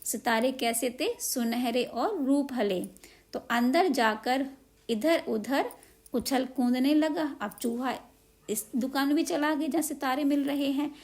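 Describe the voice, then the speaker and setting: A woman's voice: high voice, slow pace, darkish tone. Woman teacher explaining a story. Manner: asks and answers own questions, repeats simply. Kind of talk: explaining a children's story lesson.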